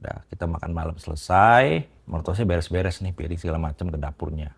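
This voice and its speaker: A creaky, husky, very deep male voice belongs to an interviewee recounting something personal. He speaks casually and haltingly, stumbling over restarts and fillers, mostly soft but louder at the tense moments.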